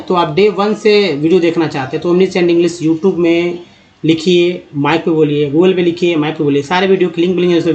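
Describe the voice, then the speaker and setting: A man leads an English pronunciation lesson for Hindi speakers. He draws each word out slowly and clearly, then moves into plain explanation, in a voice a little higher than most men's. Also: muffled recording. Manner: drawn-out dictation of words, then explanatory chat. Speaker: English teacher.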